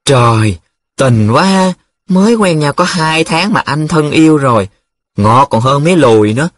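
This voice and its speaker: A man voicing a cocky, teasing young male student who jokes in a sing-song way, with a husky voice. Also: mid-range voice, animated, fairly quick, a bit bright, dry recording, clean studio sound. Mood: excited.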